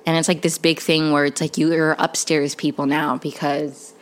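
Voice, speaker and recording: A woman's voice: low-pitched, flat delivery. A woman giving a casual, chatty episode-by-episode TV recap, full of "like" and "um" fillers. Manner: chatty, lots of "like" and "um", quick laughs. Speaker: TV recap vlogger.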